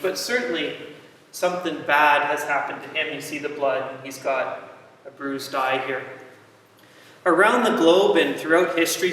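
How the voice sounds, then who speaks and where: A man giving an informal, explanatory sermon as host, speaking emphatically with deliberate pauses. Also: fairly high pitch, fairly bright tone. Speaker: host of a faith series, preacher. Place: echoey gym, indoors. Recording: very echoey gym, distant mic.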